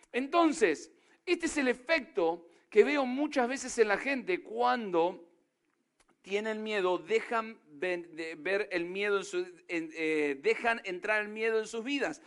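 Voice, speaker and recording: A man preaching a sermon in an Argentine accent, emphatic and constantly throwing questions at the congregation. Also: sits high. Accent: Argentine Spanish. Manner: emphatic, peppers talk with rhetorical questions to the crowd. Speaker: pastor.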